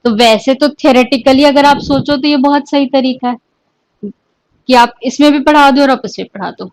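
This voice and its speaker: Woman teacher, Indian English accent, fairly high voice, dry close sound. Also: no room sound, low-quality recording. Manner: dictates key terms slowly in English, then explains quickly in Hindi. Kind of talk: exam-prep English lesson. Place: coaching class or studio.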